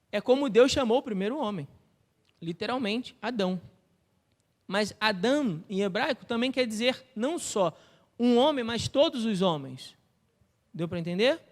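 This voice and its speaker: A man's voice: very high voice, lively intonation, moderate pace, pauses often. A man with a Brazilian Portuguese accent preaching a sermon as pastor of a church, teaching step by step and asking the congregation questions. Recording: long reverb of a church hall.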